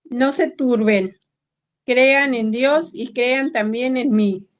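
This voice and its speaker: A woman with a Mexican accent reads Bible passages aloud to a study group, slow and measured. Her voice is fairly high, and the recording sounds muffled and lo-fi. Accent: Mexican Spanish. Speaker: student in a Bible class. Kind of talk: reading scripture aloud. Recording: dull lo-fi sound.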